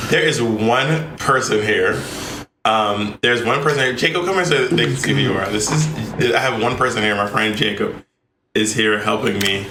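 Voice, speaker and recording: A man in his early thirties co-hosts a podcast, trading casual comic banter and telling stories in a sassy, theatrical, teasing way. His voice sits fairly low and his pace is moderate. The room is echoey, with clear background noise.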